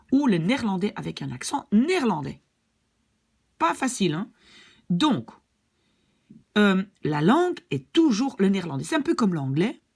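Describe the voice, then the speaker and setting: A woman's voice: mid-range voice, creaky, darkish tone, breathy edge. A woman from Belgium with a Belgian French accent, explaining a language point in a chatty, casual lesson, with lots of examples and asides. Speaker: Dutch language teacher.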